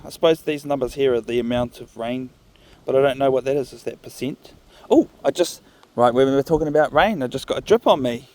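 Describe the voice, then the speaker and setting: Kiwi guy with a new zealand accent, chatting unhurried to himself on a walk, musing as he goes. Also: medium pitch, a little mellow. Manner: unhurried, thinking aloud, musing. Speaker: vlogger walking his dog. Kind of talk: casual rambling vlog narration. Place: outdoors, walking along a path. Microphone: phone recording while walking.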